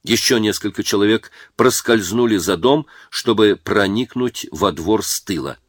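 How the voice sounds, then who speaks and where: Low-voiced man narrating a war story. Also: dry recording, clean studio sound. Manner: measured, dramatic reading.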